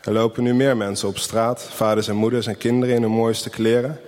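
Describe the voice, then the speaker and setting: A man reading a children's Christmas story aloud in a gentle, unhurried way, giving the people in it their own voices. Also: medium pitch, level tone, big-room sound. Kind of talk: storybook narration with character voices.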